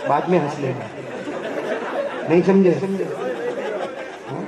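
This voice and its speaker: A man with a Gujarati accent preaching a humorous sermon, telling jokey stories and breaking into loud exhortation. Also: fairly high pitch, lo-fi sound, heavy background noise. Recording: echoey hall with crowd.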